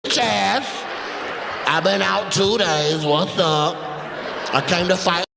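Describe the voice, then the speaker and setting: A man's voice: high-pitched, gravelly, noisy background. A man doing live stand-up crowd work, brash and teasing, recorded in a large venue. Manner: brash, teasing, quick-witted. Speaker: stand-up comedian. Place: large comedy venue, on stage. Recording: live venue with long reverb and loud background.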